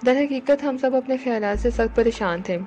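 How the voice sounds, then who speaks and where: A woman voicing a doting young woman who speaks softly and admiringly. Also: high voice, normal speed, lo-fi sound, slight background noise, close to an everyday voice. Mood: adoring.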